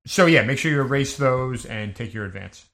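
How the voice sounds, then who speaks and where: Man game master, casual and mid-pitched. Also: animated, moderate pace, creaky, fairly bright tone. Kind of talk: casual tabletop game narration.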